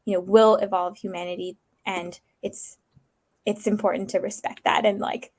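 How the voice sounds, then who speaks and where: A woman's voice: medium pitch, little pitch movement, moderate pace, a little mellow. Earnest young woman thinking aloud. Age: 20s. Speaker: interview guest. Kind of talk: casual interview.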